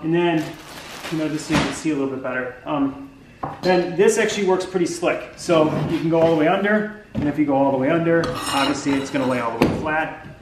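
A man's voice: fairly high pitch, brisk, echoey room, noisy background. A man in his forties hosting a casual DIY vlog, talking his way through a woodworking build in his garage. He rambles a little, with lots of ums and restarts. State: tired. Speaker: DIY channel host. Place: garage workshop, indoors.

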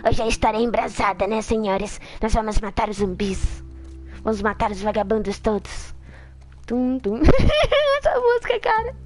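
A young Brazilian woman giving excitable, laughing live commentary as she plays a video game, hushing her viewers in mock drama and mixing in English words. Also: medium pitch, normal speed. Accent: Brazilian Portuguese. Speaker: streamer playing a video game. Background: game music playing.

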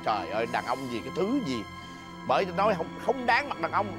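Comedy sketch: a Southern Vietnamese man as a fast-talking, flustered husband, music bed. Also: on the high side. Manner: excitable, stammering, quick to protest. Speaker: comic actor playing a drinking husband.

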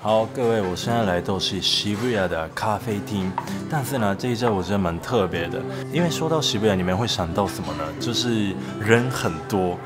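A man's voice: on the low side, fairly quick, few pauses, loud music behind the voice. A young man from Japan, a native Japanese speaker, chatting casually in Japanese-accented Mandarin as a vlogger. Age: young adult. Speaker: travel and food vlogger. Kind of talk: casual vlog chat.

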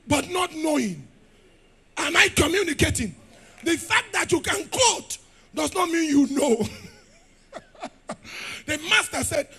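Forceful high-voiced Nigerian preacher. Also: male voice, slight background noise. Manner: forceful, shifting from shouts to low asides; rugged preaching style. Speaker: pastor. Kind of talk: sermon.

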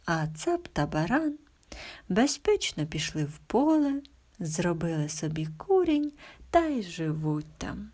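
A woman narrating a folk tale as an audiobook, expressive and often dropping to a whisper. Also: fairly low pitch, takes it slowly. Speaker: storyteller.

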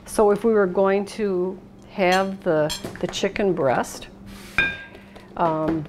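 Speaking slowly in a mid-range voice, a middle-aged American cooking show host walks through each step of a casual demonstration without hurrying. She works at a steel worktop in an indoor kitchen. The audio is noisy, with clattering dishes and kitchen room sound.

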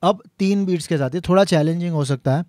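A man teaching piano, explaining each step patiently and slowly singing the note names as he plays. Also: a little high, darkish tone, dry recording, studio quality. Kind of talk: instructional lesson.

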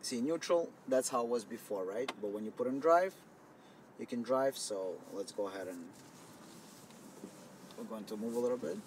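A mid-range, slightly mellow male voice moves at a moderate pace and pauses often. He demonstrates a product in a casual, talk-as-you-go way from inside a car that's partly open to the wind, recorded on a camera mic with faint wind noise.

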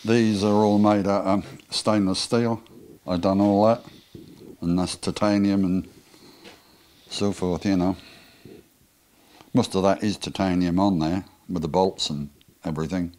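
A man's voice: low-pitched, fairly even intonation, a little slow, pauses often, darkish tone. An older man with a Norfolk English accent, a motorcycle engine builder answering questions briefly in his workshop. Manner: brief, plain-spoken, dialect grammar. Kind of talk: casual workshop interview. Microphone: handheld microphone with windscreen.

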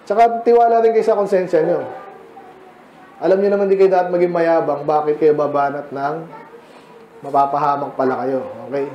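A man's voice: on the high side, fairly even intonation, normal speed, pauses often, echoey room, highs cut off, a little hiss or hum. A man with a Filipino accent preaching a sermon in a church, in a casual, joking style with frequent asides. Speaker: pastor.

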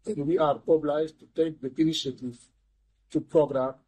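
An older man speaking as an economist guest in a studio interview, measured and restarting his words often. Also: on the high side, fairly even intonation, a little mellow, slightly rough, low-quality recording. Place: TV studio, seated in armchair.

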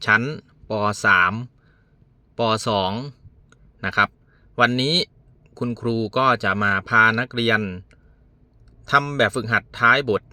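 A man's voice: medium pitch, sharp tone, no room sound. A male primary school teacher patiently walking young pupils through a workbook exercise step by step. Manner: patient, explains step by step with frequent polite particles. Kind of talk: worksheet lesson for young pupils.

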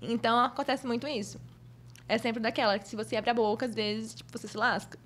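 A young Brazilian woman with a high, bright voice tells stories at a rapid clip. She talks casually as a podcast guest, lively and expressive. Her Brazilian Portuguese accent shows throughout. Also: slight background noise. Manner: lively, expressive, acts out other people's voices. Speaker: guest, fashion model. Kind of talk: casual storytelling in a podcast interview.

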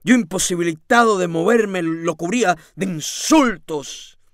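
Male reader, high lively voice, dramatic novel reading, dry close sound. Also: a little slow, no room sound. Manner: theatrical, swings from hushed to shouting. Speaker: audiobook reader.

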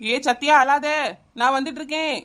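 A woman voicing a brave, kind young aunt in a cartoon, speaking briskly and reassuringly. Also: sits high, fairly even intonation, fairly bright tone. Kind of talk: cartoon voice acting.

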